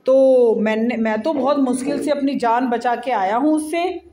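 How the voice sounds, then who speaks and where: Storybook rabbit, small and clever, politely pleading, as a woman puts him on, high and roomy. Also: moderate pace, mellow, a little hiss or hum, close to an everyday voice.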